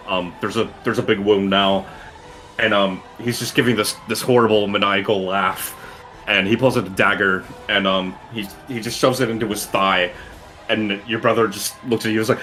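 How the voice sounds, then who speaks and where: A man narrating a tabletop game as game master, telling the story in a halting, descriptive way. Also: lowish voice, pushed and bright, rough recording. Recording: faint music behind. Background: music.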